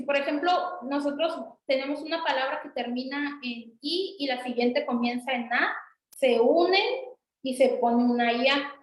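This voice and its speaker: This woman teaches an introductory Sanskrit class online, going over example words again and again with patience. The recording is poor and echoey, and her pitch is high.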